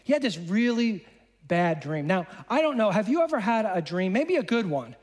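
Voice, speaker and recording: A man's voice: high-pitched, moderate pace. A man preaching a sermon, retelling a scripture story in a casual, conversational way and acting out the characters' lines. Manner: animated, acts out dialogue in voices.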